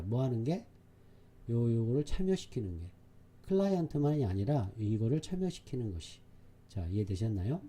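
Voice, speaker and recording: A man's voice: medium pitch, dark tone, breathy edge. A man teaching an English exam-prep lesson, repeating key words emphatically and often checking that students follow. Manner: repetitive, emphatic, keeps checking understanding with the class. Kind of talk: exam-prep lecture explaining a reading passage.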